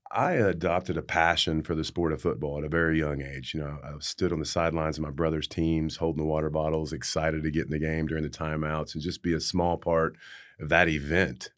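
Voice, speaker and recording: A man with a low-pitched voice and an Appalachian hillbilly accent shares personal stories as a podcast guest. He speaks in a folksy, reflective way, like someone looking back on his own life. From West Virginia, United States. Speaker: podcast guest, former pro football player. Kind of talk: personal storytelling in an interview.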